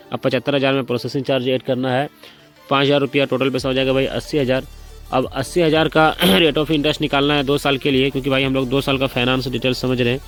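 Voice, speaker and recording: A man in a casual vlog, walking viewers through loan arithmetic step by step, repeating figures and calling the audience friends. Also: mid-range voice. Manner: repetitive, walks through sums step by step, addresses viewers as brothers and friends; speaking slowly and deliberately by choice. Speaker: motorcycle finance explainer.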